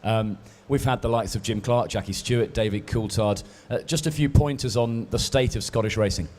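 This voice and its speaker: A man interviewing a guest on stage, asking questions in a brisk, chatty way and stumbling over a few restarts. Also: on the low side, a little mellow.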